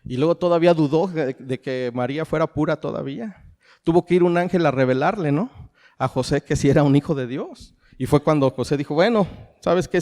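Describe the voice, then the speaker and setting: A middle-aged pastor with a Mexican accent preaches in a fairly high, darkish voice, his words carried by long hall reverb. He poses rhetorical questions to the congregation and addresses them as family.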